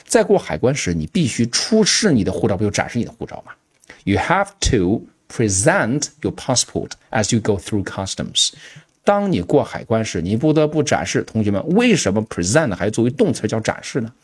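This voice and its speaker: A man gives an online English pronunciation lesson and keeps turning to his students as he explains. His pitch rises and falls widely. His voice has a slightly husky grain. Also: normal speed. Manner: animated, keeps addressing the students. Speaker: English teacher.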